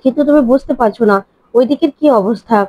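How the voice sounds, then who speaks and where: A woman's voice: on the high side, quick pace, no room sound, lightly acted. A woman voicing an anxious middle-aged mother who fears gossip, talking in worried, faltering repeats in a dry, dull recording. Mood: uneasy.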